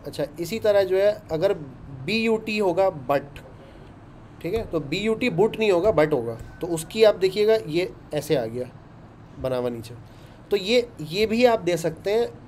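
Guy explaining code, chatty, mellow tone, bit of background noise. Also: high voice. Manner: chatty, explains step by step with frequent "ṭhīk hai". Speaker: programming instructor. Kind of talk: casual coding lesson.

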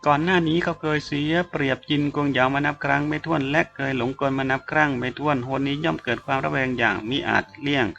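Gravelly, bright male audiobook narrator. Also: on the high side. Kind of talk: scripted narration of a fantasy novel. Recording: dull lo-fi with faint music.

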